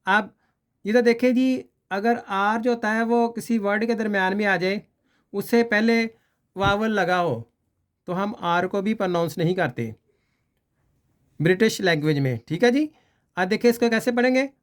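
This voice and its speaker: A man's voice: sits high, moderate pace, clear, resonant tone. A man teaching English pronunciation, patiently repeating vowel sounds for students to copy. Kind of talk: slow spoken pronunciation lesson.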